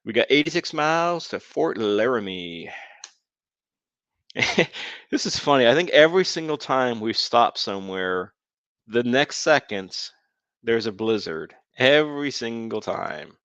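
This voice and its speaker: Streaming a game, this man talks casually to his viewers and laughs a lot. His mid-range voice has a sing-song lilt, a measured pace and some brightness, with no room sound. The audio comes across as dull, lo-fi and dry.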